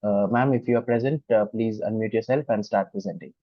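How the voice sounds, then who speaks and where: A man moderating a conference session online, speaking in a polite, formal way with hesitant pauses. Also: fairly low pitch, no room sound. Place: online video conference call. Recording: dull, dry online meeting audio.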